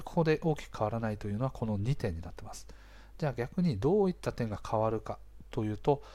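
A man with a slightly hoarse voice hosts a casual explainer, talking conversationally to listeners and often checking in with small interjections. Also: mid-range voice, a little mellow. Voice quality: hoarse, gravelly-sounding voice. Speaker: podcast host.

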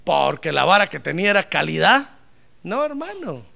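A man preaching a lively sermon as pastor, acting out little dialogues and swinging from loud to soft. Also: high-pitched, moderate pace, creaky.

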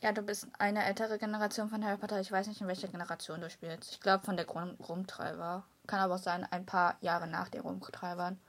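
A woman's voice: medium pitch, level tone, brisk, few pauses. Young woman, mid-range voice, teasing and giggly between turns. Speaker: player in a guessing game. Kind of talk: casual chat.

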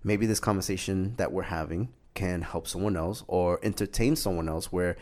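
A man's voice: sits low, moderate pace, darkish tone. A man co-hosting a casual podcast, chatty and rambling, laughing easily as he talks. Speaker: podcast co-host. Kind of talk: casual chat.

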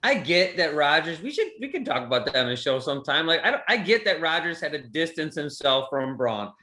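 Joking podcast co-host, man, high bright voice, echoey room. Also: very animated, fairly quick. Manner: joking, teasing. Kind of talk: casual chat.

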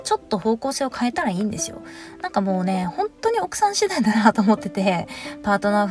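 Woman podcast host, casual advice monologue, frank and animated, mid-range voice, faint music underneath. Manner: lively, frank and animated, acting out quotes with big pitch swings.

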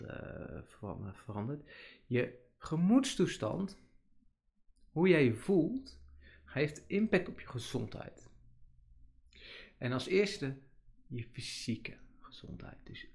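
A man's voice: medium pitch, vocal fry, a little mellow. A man, hosting a casual podcast monologue, chatty and rambling with many fillers. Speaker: podcast host.

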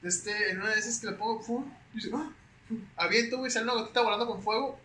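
High, bright-voiced young Mexican man. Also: fast. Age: young adult. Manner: slangy, animated, peppers speech with güey. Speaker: guest. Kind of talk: casual storytelling chat. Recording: roomy echo with faint hiss.

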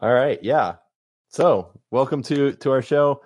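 A man's voice: medium pitch, unhurried, a little mellow, no echo. Man, dungeon master, podcast host, upbeat announcer tone, dry sound. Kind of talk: podcast intro and game talk.

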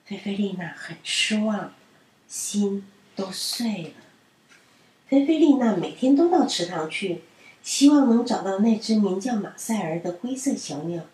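A woman reading children's stories aloud in a gentle storyteller manner. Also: mid-range voice, animated, unhurried. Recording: roomy and distant.

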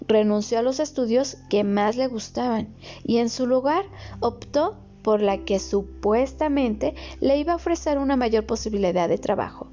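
A woman reading a reflective story aloud in a slow, measured way, with occasional slips and restarts. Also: a little high, lively intonation, warm tone, a little hiss or hum. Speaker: narrator. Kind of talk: read-aloud reflective narration. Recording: dull lo-fi recording with faint music.

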